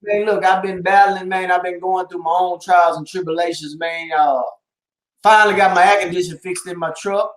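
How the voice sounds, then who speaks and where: A man co-hosting a podcast, teasing his friend with loud, joking banter. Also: high-pitched, steady tone, normal speed, reverberant. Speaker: podcast co-host. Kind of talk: casual banter.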